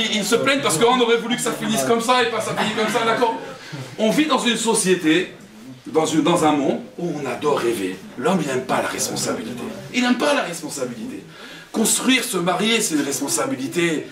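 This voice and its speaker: A man giving a humorous talk as a rabbi, acting out dialogue and laughing often. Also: high voice. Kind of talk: humorous storytelling lecture. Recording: echoey room, voice from a distance.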